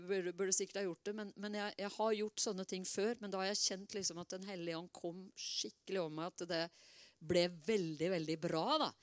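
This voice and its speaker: A middle-aged woman preaching a sermon in a lively, conversational way, with many asides and repeated words. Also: medium pitch, dry recording.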